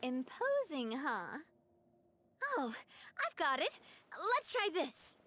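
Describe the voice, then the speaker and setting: An actress playing an elegant, cheerful young female boss in a video game, gracious and reassuring in a polished, expressive way. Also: high-pitched, slow pace, a little hiss or hum, full character voice. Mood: inspired. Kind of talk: video game character acting.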